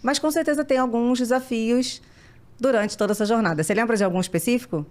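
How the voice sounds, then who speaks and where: A woman hosting a podcast, chatty and expressive in a casual interview. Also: on the high side, fast talker. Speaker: podcast host.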